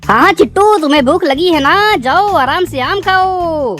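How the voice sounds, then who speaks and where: A woman's voice: extremely high pitch, animated, moderate pace, fairly bright tone, soft background music. A woman voicing a kind, doting magical female cat in a cartoon, with a sweet, coaxing, sing-song manner. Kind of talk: cartoon voice acting.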